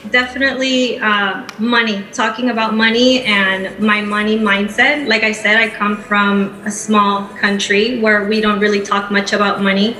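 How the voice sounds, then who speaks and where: Upbeat woman, bright voice. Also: medium pitch, little pitch movement, moderate pace, few pauses, soft background music. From Peru. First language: Spanish. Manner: upbeat, laughs easily. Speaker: guest entrepreneur. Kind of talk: onstage interview. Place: event stage. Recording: echoey event space.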